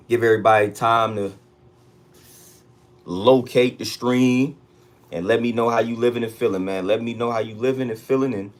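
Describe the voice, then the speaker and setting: Male, American, lower-pitched voice. Livestream host chatting casually in street slang, leaning on repeated catchphrases to rally viewers. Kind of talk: casual livestream check-in chat.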